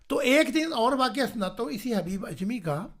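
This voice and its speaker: Animated male preacher telling a story. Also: extremely high pitch. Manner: animated, keeps checking listeners understand. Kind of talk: storytelling sermon. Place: online meeting. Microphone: video call.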